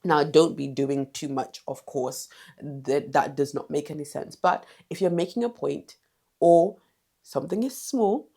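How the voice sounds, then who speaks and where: A woman's voice: sits low, a little slow, gravelly, mellow. A woman giving direct, emphatic confidence advice in a vlog, repeating short commands. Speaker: confidence coach.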